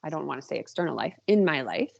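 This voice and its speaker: Speaking very fast and with lots of animation, a woman around thirty is interviewed on a podcast about being an indie author, and she's quick to make fun of herself. Her voice is low-pitched and creaky, captured with lo-fi sound.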